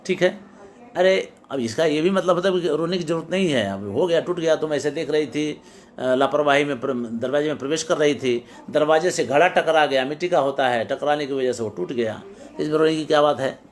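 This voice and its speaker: A man's voice: fairly high pitch, a little fast, a little hiss or hum. A middle-aged male teacher lecturing on poetics, reciting classical verses and explaining them line by line.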